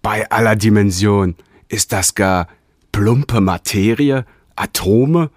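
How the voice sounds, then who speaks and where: A man voicing a formal alien expedition leader who gives clipped orders in a raised, louder voice. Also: lowish voice, moderate pace, no room sound, studio quality, pitched above the performer's own voice, close to an everyday voice. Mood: astonished.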